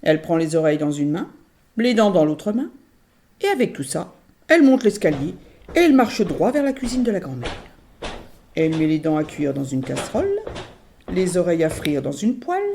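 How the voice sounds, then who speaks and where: A woman storyteller telling a children's tale in an animated, playful way. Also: on the low side, normal speed, slight background noise.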